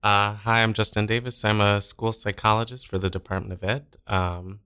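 A man's voice: lowish voice, flat delivery, normal speed, sharp tone, smooth, dry recording, studio quality. A man from Ohio who works as a school psychologist, a guest on a casual radio show who sounds hesitant and laughs easily.

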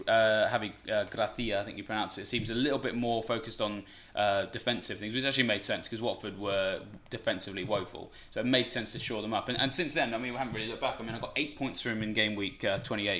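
Male podcast co-host, low voice, quick rambling delivery, fillers, roomy echo. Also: fairly bright tone. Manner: chatty, rambling, with many fillers and restarts. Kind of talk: casual podcast chat about fantasy football.

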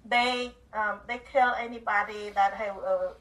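An older woman from Cambodia recounts her past in an interview with earnest, simple phrasing and small slips of grammar. Her voice is bright and clear. She sits a little away from the microphone. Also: medium pitch, steady tone, a little slow, far from the mic, poor audio. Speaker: guest, author and speaker. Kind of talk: telling her life story in an interview.

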